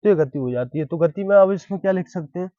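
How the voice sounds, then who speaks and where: Guy teaching poetry basics, highish voice, keeps asking "got it?", flat dull dry audio. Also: no echo. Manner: explains slowly, keeps asking if it is understood. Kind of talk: classroom-style Hindi poetry lesson.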